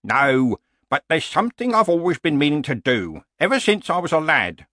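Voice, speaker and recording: A stubborn, world-weary old barbarian, acted by a male story reader, grumbling bluntly with a very animated rise and fall. The voice is dry and close, with an elderly hero's grumpy resolve. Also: on the high side, normal speed, dry recording, pitched above the performer's own voice.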